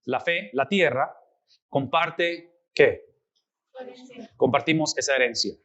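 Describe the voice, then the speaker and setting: A man teaching a Bible class, lively and often asking his students rhetorical questions. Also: mid-range voice, slow pace, rough recording.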